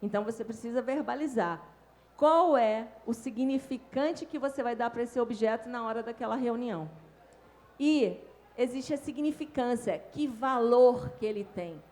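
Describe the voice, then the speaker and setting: Animated Brazilian woman speaker on stage. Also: on the high side, moderate pace. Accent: Brazilian Portuguese. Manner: animated, demonstrates tones with her own voice. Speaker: invited speaker on communication. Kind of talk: panel talk at a conference. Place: hotel conference stage.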